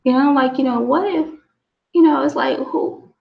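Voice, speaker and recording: A woman's voice: high voice, moderate pace, gravelly, lo-fi sound. A woman hosting her own show, talking in a rambling, casual monologue full of restarts and "you know"s.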